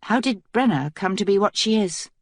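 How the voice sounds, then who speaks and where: A woman's voice: medium pitch, expressive, normal speed, dry recording, clean studio sound, voice pushed up. A woman voicing a young queen who speaks firmly and earnestly. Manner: firm, earnest.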